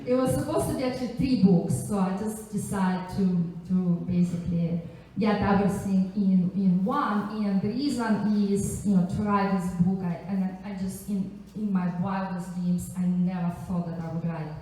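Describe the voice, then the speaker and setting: Speaking with a Russian accent in a warm, mid-range voice, a Russian woman introduces herself informally to a live audience as a panelist, angel investor and economist. She is chatty and halting, full of asides. The microphone is distant and the indoor event venue is very echoey.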